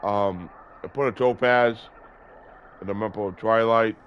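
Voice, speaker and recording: This is casual gameplay commentary from a man in his early thirties hosting a gaming video, congested and sore-throated from a cold, rambling and correcting himself with many fillers. He has a lowish voice with fairly even intonation and speaks a little slowly. Dull lo-fi audio carries background noise.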